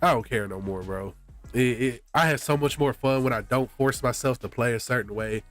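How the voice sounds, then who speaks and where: A man with a mid-pitched, congested voice chats to his stream viewers while sick. His talk is casual and slangy, peppered with "bro", and faint music plays behind him. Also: normal speed, a bit bright. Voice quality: congested, stuffy nose. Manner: slangy, often says "bro". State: sick with a blocked nose. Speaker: game streamer.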